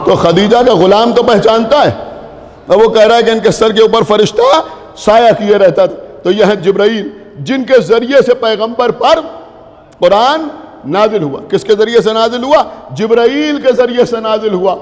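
A male cleric with a Lucknow Urdu accent, delivering an impassioned sermon to a gathering, repeating phrases and shouting rhetorical questions. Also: sits high, moderate pace. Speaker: Shia cleric giving a majlis. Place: religious gathering hall. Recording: long reverb of a large hall.

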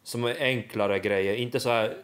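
A young man vlogging casually, halting and restarting often as he tries out new words. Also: medium pitch, fairly even intonation, fairly bright tone. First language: Swedish and Finnish. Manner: halting, full of restarts and fillers, sounding out foreign words. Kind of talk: casual vlog.

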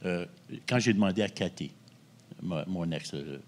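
Author, Québécois man, very deep voice, quiet and halting. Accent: Québécois French. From Quebec. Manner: soft-spoken, halting with restarts. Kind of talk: reading his novel aloud, then interview talk.

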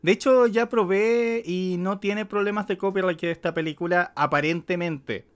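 A man's voice: high-pitched, normal speed, clean tone. A man streaming casual live commentary as he reacts to a film.

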